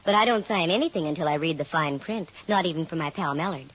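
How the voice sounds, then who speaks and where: A woman's voice: sits low, fast talker, a bit bright. Wry American lady detective, vintage radio. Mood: firm, skeptical. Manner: wry, breezy, quippy. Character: sharp-witted, wisecracking woman private detective. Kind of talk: 1940s-50s radio detective acting, first-person narration. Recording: muffled vintage radio recording with music.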